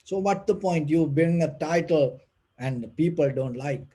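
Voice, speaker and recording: A man who speaks English as a second language gives an unscripted spiritual talk as a meditation teacher, gentle and halting, with a soft breathy voice and repeated phrases. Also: on the high side. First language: not English.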